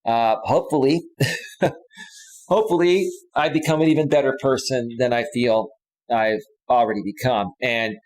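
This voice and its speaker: A man in his forties talks off the cuff on his own live stream, looping back and restarting his sentences. His voice sits at an ordinary middle pitch. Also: poor audio. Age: 40s. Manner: rambling, with frequent restarts and fillers. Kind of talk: casual live stream talk.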